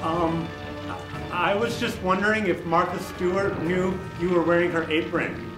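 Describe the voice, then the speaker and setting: An actor playing a hesitant, stammering nerdy teenager in a comedy sketch. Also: male voice, high voice, steady tone, normal speed, music in the background, close to an everyday voice, rough recording. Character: nerdy teen boy with glasses, hesitant.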